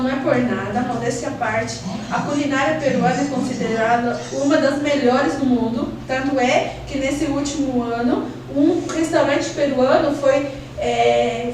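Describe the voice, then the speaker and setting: Woman, 40s, high voice, chatty guest, noisy background. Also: moderate pace. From Peru, Lima. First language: Spanish. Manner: warm, chatty, many "então, assim" fillers. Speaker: school manager, interview guest. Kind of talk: casual interview answers. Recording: echoey room, distant mic, background noise.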